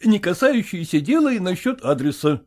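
Played by a male narrator of an audiobook, this merchant from days gone by soothes but won't budge, all smugness and flattery. He draws out his overly courteous words, adds a deferential "-s," and sounds fairly high and lively.

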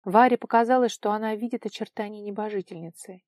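A woman narrating a fantasy audiobook in an expressive storytelling manner. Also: medium pitch, fast talker, no echo, clean studio sound.

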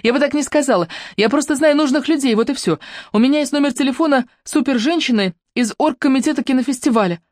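A woman reading an audiobook, voicing a bold, sharp-witted teenage girl detective who talks high and insistently. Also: fast, no echo, studio quality, lightly acted. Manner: high, bright and insistent, shouting over wind. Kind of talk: audiobook character voice.

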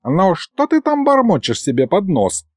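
A man voicing a cranky, loud old grandfather who scolds and teases in a folksy way. He sounds older and talks in a raised, hollering voice. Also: sits high, wildly swooping pitch, normal speed, dry recording, clean studio sound, pitched above the performer's own voice, heavily acted. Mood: scolding.

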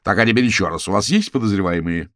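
A man's voice: on the low side, expressive, quick pace, no room sound, clean studio sound. A man voicing an indignant agitator who accuses and riles up a crowd in an audiobook. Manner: loud, accusing, combative. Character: indignant middle-aged man stirring up a crowd.

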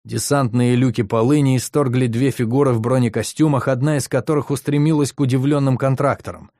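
Audiobook narrator, man, steady and measured, mid voice, dry recording. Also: mid-range voice, no room sound. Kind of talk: scripted narration.

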